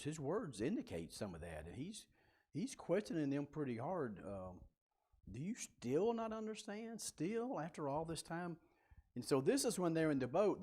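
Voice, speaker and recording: Brief animated man leading Bible class. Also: medium pitch. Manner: animated, questioning, informal. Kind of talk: conversational Bible class teaching. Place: church building.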